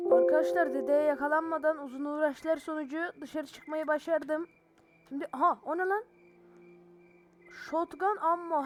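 A woman giving excitable, slangy let's-play commentary on a horror game, yelling and cursing when startled. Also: sits high, slight background noise. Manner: slangy banter with viewers. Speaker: gaming channel host.

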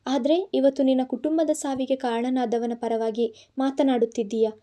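A woman's voice: sits high, fairly even intonation, normal speed, dark tone, lightly acted. A woman reading the part of an angry, protective young man in an audiobook, scolding and insistent. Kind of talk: audiobook narration.

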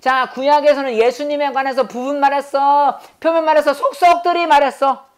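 A male teacher runs a grammar lesson in a steady rhythm of question and answer. He fires off short prompts and answers them himself. He slows right down whenever he says an English phrase. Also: very high-pitched. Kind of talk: classroom grammar lecture.

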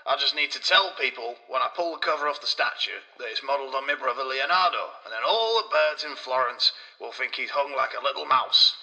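A man's voice: mid-range voice, brisk, hardly any pauses, sharp tone, low-quality recording. A man voicing a coarse, boastful male Renaissance sculptor, rambling crudely.

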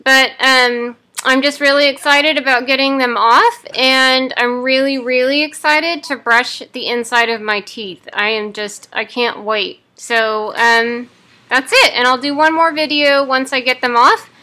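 A woman's voice: high voice, fairly even intonation, a little slow, sharp tone. A woman in her thirties giving a casual personal video update, speaking through teeth clenched by a wired-shut jaw. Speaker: vlogger. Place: living room at home.

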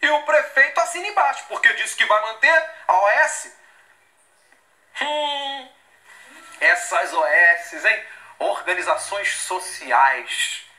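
A man's voice: high voice, lively intonation, slow pace, sharp tone, echoey room. A man in his forties with a Brazilian accent, a news anchor in a studio giving sarcastic, emphatic commentary while reading out a statement. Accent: Brazilian Portuguese. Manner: indignant, sarcastic, emphatic, gesturing. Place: television studio.

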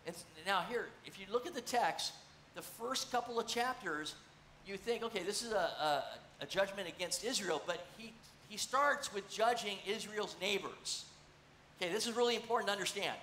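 On the stage of a large church, a middle-aged pastor sits on a stool and gestures as he preaches, animated and conversational, at a moderate pace. His voice is high and bright, and the echoey room adds faint background noise.

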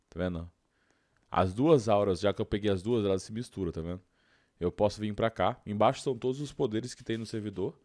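A young Brazilian man hosts a gaming video in a low, mellow voice, thinking aloud with informal, slang-heavy commentary as he plays. The recording is dry, with no room sound.

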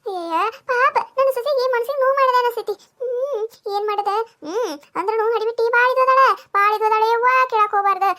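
A woman's voice: very high-pitched, fast, few pauses, pushed and bright. A woman with a North Karnataka accent voicing a grumbling, nagging village mother-in-law in a cartoon comedy. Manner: grumbling, nagging, talking to herself.

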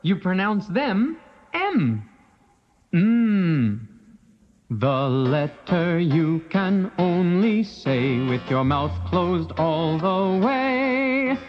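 A woman narrating a children's alphabet lesson in a slow, playful, expressive way. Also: lowish voice. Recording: dull lo-fi track with faint music.

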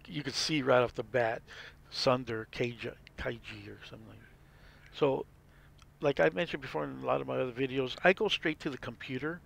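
A man's voice: medium pitch, gravelly, fairly bright tone. A man hosting a gameplay video, explaining casually and rambling as he plays. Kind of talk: casual game commentary.

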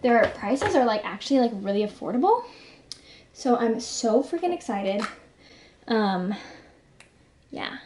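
A woman's voice: a little high, lively intonation, unhurried, pauses often, a little mellow, a little hiss or hum. A woman, chatting to camera in a bubbly, filler-heavy way and sounding a little out of breath. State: slightly out of breath. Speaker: vlogger. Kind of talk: casual chat to camera.

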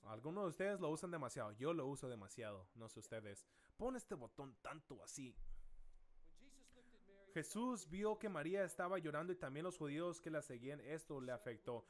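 Man pastor preaching in church, kinda high voice, goes quiet and slow then big loud calls. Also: lively intonation. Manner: dramatic, swings from soft and slow to loud calls. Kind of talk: sermon.

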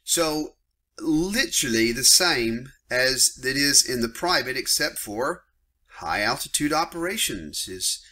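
Animated, bright-voiced male flight instructor. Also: mid-range voice, measured pace. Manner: blunt and emphatic, gets worked up, colloquial asides to viewers. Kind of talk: screen-share lesson on aviation regulations.

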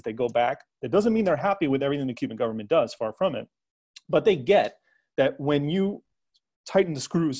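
A man answering as a guest analyst on a discussion panel. He talks in a hesitant way, full of fillers and restarts, and lets dry sarcasm slip into his points. His voice sits in a middle pitch. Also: a little mellow.

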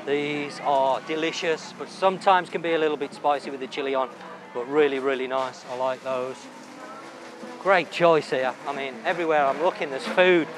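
A man's voice: fairly high pitch, steady tone, normal speed. A man hosting a walking tour of a night market, chatting enthusiastically and thinking aloud about the food he sees. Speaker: travel vlogger host. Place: busy outdoor night market. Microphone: handheld camera while walking. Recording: loud outdoor market noise.

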